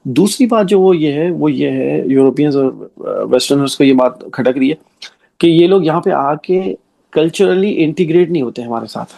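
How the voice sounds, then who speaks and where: A man's voice: fairly high pitch, lively intonation, normal speed, creaky, mellow. A man giving an explanatory commentary monologue, arguing his point with rhetorical questions and frequent check-ins to the listener.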